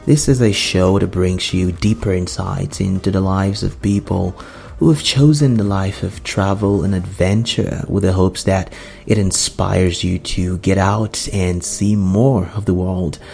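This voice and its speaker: A man's voice: low-pitched, fairly even intonation, measured pace, gravelly, darkish tone, faint music behind. A man, hosting a solo podcast in an earnest, rambling way with many fillers. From Nigeria. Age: 20s. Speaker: podcast host.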